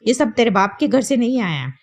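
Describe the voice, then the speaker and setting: A woman voicing a domineering older mother-in-law who scolds in a shrill, accusing way. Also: big pitch swings, brisk. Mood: scolding.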